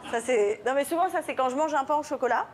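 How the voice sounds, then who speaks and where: A woman's voice: high-pitched, fast, slight background noise. A woman comedian telling chatty comic anecdotes as a guest on a TV talk show set, with frequent fillers. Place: TV studio set with audience.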